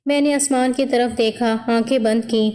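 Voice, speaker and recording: A woman reading a scripted first-person story in a steady, solemn way. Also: on the high side. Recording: long hall reverb.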